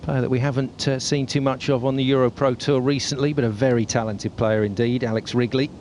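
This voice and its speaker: A man's voice: medium pitch, steady tone, a little fast, darkish tone, a little hiss or hum. A man working as a golf commentator, describing tournament play as it happens.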